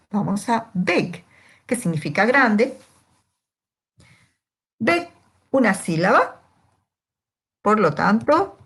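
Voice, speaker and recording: Female language teacher, unhurried, patient, asks the class questions and answers them herself. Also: mid-range voice. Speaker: English teacher. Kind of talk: slow, step-by-step grammar lesson.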